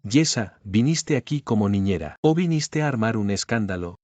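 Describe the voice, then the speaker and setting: A man's voice: fairly low pitch, animated, normal speed, a little mellow, no room sound, highs cut off, natural voice. An actor dubbing a domineering, stern male CEO in a melodrama. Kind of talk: dubbed melodrama acting.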